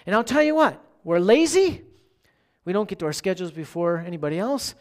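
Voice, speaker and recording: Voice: mid-range voice, very animated, fairly quick. A pastor giving a sermon in a conversational way, often asking the listeners questions and checking in with "right?".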